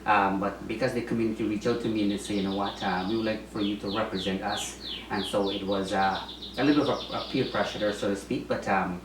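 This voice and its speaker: A man's voice: fairly low pitch, fairly even intonation, quick pace. Guy from guyana in an interview, lots of ums n restarts, distant mic, faint hiss. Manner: hesitant, many ums and restarts. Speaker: interviewee, former mayoral candidate. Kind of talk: casual interview answers. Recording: roomy echo, distant mic, faint noise.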